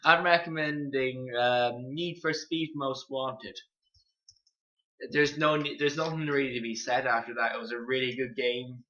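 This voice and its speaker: A man's voice: mid-range voice, steady tone, a little slow, sharp tone. A young man co-hosting a casual gaming podcast, talking plainly and loosely. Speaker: podcast co-host. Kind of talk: casual chat. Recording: muffled lo-fi mic.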